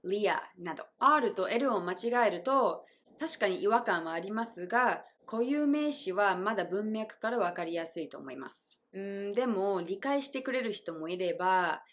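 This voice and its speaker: A young adult woman whose first language is English, teaching pronunciation in a friendly video lesson, bright and upbeat, modeling phrases slowly and clearly. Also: mid-range voice.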